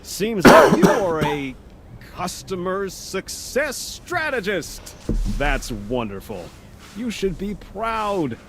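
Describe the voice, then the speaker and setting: Awkward cheery office boss in a game, highish lively voice, stumbles a bit, faint noise. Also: male voice, takes it slowly, heavily acted. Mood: awkwardly friendly. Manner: hesitant, stumbling corporate niceness.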